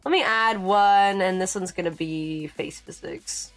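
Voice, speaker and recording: A woman streaming live in casual chat. She answers chat as she works and jumps to sudden high exclamations. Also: measured pace, soft background music. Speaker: VTuber streamer.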